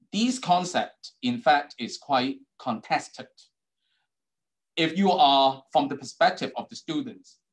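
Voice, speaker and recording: Giving a keynote online through a video call, this middle-aged man, a university dean with a Hong Kong accent, uses lots of ums and uhs. Cantonese and Putonghua are his first languages, and his mid-range voice comes across on a low-quality recording.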